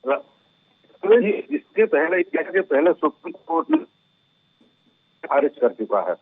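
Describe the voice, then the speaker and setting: A man's voice: a little high, huge pitch swings, unhurried, creaky, husky. Man on a choppy, cutting-out phone line. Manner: repeats himself, checks if he is heard. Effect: choppy phone line that keeps cutting out. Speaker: social worker calling in. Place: rural spot with weak mobile signal. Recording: tinny, breaking-up mobile phone line.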